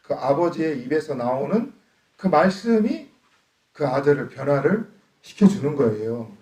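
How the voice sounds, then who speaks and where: With a slightly high, sing-song voice, a dark tone, and an unhurried delivery, a middle-aged pastor from Chungcheong, Korea, speaking Chungcheong Korean, gives a playful sermon full of laughter and questions for his congregation. The echoey church hall is heard through a distant mic.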